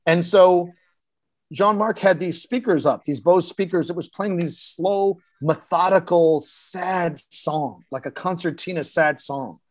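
A man's voice: sits high, a little slow, dry recording. A man, an actor guest on a podcast, telling a vivid behind-the-scenes anecdote in a casual, blunt way and acting out the dialogue he quotes. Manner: vivid anecdote-teller who acts out quoted dialogue in shifting voices; casual and blunt, with occasional swearing. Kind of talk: storytelling in a podcast interview.

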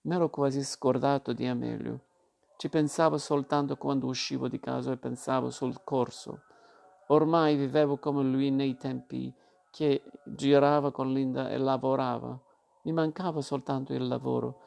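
A man narrating a literary novel in the first person, in a calm and measured way. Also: medium pitch, creaky. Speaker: audiobook narrator. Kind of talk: literary audiobook reading.

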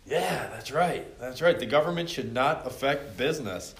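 A man's voice: mid-range voice, animated, moderate pace, creaky, crowd noise. A middle-aged man teacher running a joking review quiz with his class, calling on students by name. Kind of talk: casual classroom review chat. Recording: echoey classroom with faint noise.

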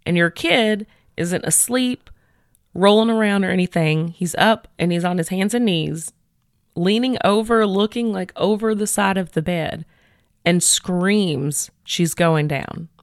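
A woman hosting a podcast, retelling a case in a chatty, animated way with many fillers. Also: medium pitch, measured pace, dry recording, studio quality. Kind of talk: casual storytelling chat.

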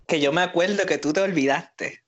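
A man's voice: on the high side, a little fast. A man, a podcast co-host, chiming in with short teasing remarks in casual chat. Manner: brief interjections and teasing remarks. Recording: dry, slightly dull podcast audio.

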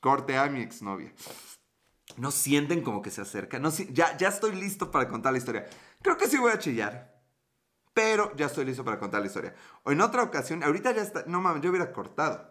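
Speaking a little fast in a fairly high, bright voice, a very animated man with a Mexican accent chats casually on a livestream. He rambles, uses slang, swears, and reads out viewer comments while a bit tipsy.

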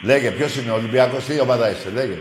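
A man hosting a call-in radio show, blunt and crude, going from low grumbling to loud mocking rants. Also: noisy background.

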